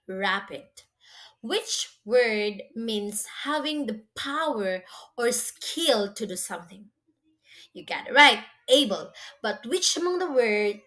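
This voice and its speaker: A woman teacher giving a slow school dictation quiz, asking questions deliberately and confirming the answers with encouragement. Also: fairly high pitch, pushed and bright. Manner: slow, deliberate delivery, spelling words out letter by letter; encouraging, praising the listener.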